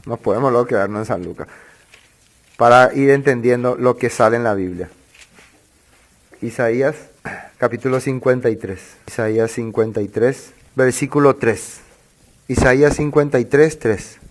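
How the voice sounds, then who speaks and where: A male pastor preaching a sermon, asking the congregation rhetorical questions and reading scripture slowly and deliberately. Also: mid-range voice.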